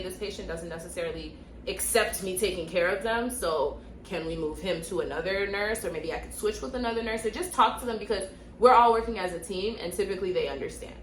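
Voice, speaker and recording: A woman's voice: mid-range voice, a bit bright, reverberant, a little hiss or hum. A young woman from Miami, a nurse, giving direct, emphatic storytime advice and repeating points for stress. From Miami, Florida. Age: young adult. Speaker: nurse and vlogger.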